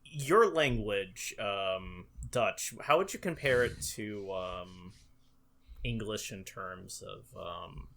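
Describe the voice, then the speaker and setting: A man in casual discussion, halting and rephrasing as he goes. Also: lowish voice, expressive, creaky, fairly bright tone.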